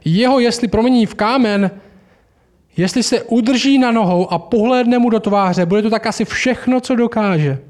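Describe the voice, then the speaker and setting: A man's voice: extremely high pitch, a little mellow, voice pushed up. A proud, eager talking beaver from a storybook, read by a man. His voice climbs well above the reader's own and stays hearty and emphatic.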